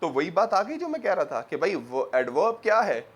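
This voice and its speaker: A man's voice: high-pitched, wildly swooping pitch, moderate pace, husky. A man teaching English grammar in a lecture, asking rhetorical questions with emphasis. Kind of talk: lecture mixing Urdu and English.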